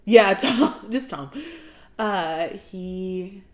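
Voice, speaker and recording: A woman's voice: mid-range voice, extremely slow, a little mellow. A young woman from the southern United States chatting casually on a livestream, laughing often and sniffling from draining sinuses as she answers viewer questions. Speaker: livestream host.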